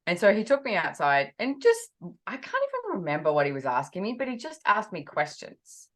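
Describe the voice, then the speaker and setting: A woman being interviewed over a video call, telling a personal story with animated energy and acting out her own quoted words. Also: mid-range voice, a little fast. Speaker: interview guest.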